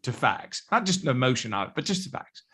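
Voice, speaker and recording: A man co-hosting a podcast tells a workplace story in a relaxed, conversational way. His voice sits at a middle pitch. He gets animated as he goes. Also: fast talker, breathy edge. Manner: animated, acts out quoted people in a raised voice. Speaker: podcast co-host. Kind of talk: casual storytelling.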